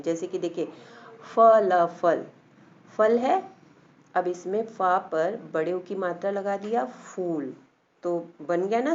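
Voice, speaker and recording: A woman's voice: medium pitch, darkish tone. A woman teacher giving a patient classroom lesson, sounding out letters one at a time and repeating key points. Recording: dull lo-fi classroom recording.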